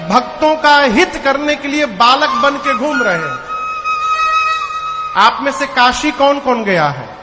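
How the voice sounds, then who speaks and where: High-voiced, slow male preacher. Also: animated. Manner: measured, declamatory storytelling. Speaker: religious preacher. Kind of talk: devotional sermon. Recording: reverberant hall with music.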